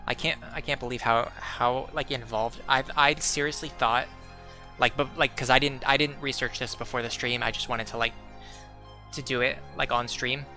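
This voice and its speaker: A young man with a medium-pitched, steady, sharp-toned voice chats casually at a normal speed while streaming a game. He rambles, fills his speech with "like," restarts and corrects himself, and keeps hiccuping, with faint music behind him.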